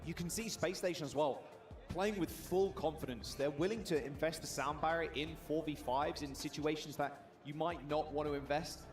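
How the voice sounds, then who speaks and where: A man casting an esports match, giving fast, eager play-by-play analysis. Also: fairly high pitch. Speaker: esports caster. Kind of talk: play-by-play commentary. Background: background music.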